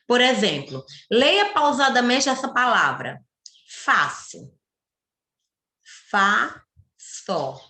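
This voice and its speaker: Slow, patient woman teaching children. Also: fairly high pitch, sharp tone. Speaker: primary school teacher. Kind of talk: online class lesson. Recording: echoey room.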